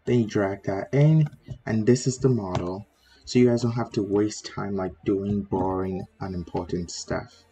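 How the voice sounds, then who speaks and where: A man's voice: on the low side, unhurried, mellow. A man hosting a casual coding tutorial, talking step by step while sick with a sore throat. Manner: chatty, step-by-step, with frequent "like" fillers. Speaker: tutorial host.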